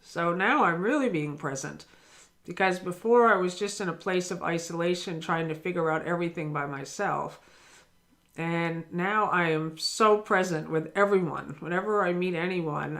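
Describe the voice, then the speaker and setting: With a lowish, fairly bright voice at a moderate pace, the woman gives a daily spiritual lesson to camera. Her tone is earnest and encouraging, aimed straight at the listener.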